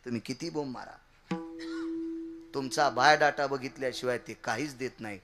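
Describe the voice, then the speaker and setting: A man preaching a devotional kirtan sermon, swinging from shouted high outbursts to low quiet asides. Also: moderate pace, music in the background.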